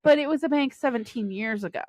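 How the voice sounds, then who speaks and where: A woman's voice: high-pitched, quick pace, a little mellow, dry recording, lo-fi sound. A woman co-hosting a podcast, casually telling crime stories and laughing often. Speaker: podcast co-host. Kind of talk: casual true-crime chat.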